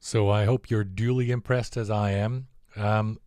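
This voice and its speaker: A man giving a relaxed, casual product update about a prototype, with frequent filler words. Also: lowish voice, unhurried, very noisy. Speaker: collectibles maker presenting a prototype.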